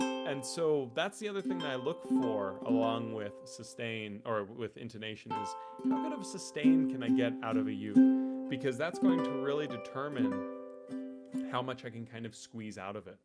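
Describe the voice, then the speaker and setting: Laid-back male ukulele instructor answering viewer questions live on a desk mic, easygoing and full of ums. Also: mid-range voice. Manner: relaxed and chatty, many ums and restarts. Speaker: ukulele teacher hosting a live Q&A. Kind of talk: casual live-stream Q&A.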